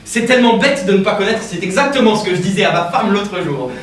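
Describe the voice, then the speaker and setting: A man's voice: high voice, expressive, fast. An ingratiating, flustered bourgeois husband in a stage comedy. His delivery swoops about, hesitant and repetitive, and it is heard from a distance in a very reverberant room with noise. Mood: eager to please. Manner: ingratiating, hesitant, repeats himself. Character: obsequious, flustered bourgeois husband hosting a dinner. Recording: echoey, distant, noisy hall recording.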